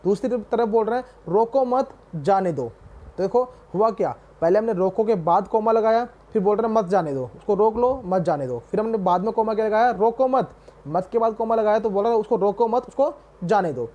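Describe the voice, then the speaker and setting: Mellow-voiced male teacher explaining patiently. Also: high-pitched. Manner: reads English definitions slowly, then explains in Hinglish; addresses students fondly as "beta". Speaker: commerce teacher. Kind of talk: classroom lecture.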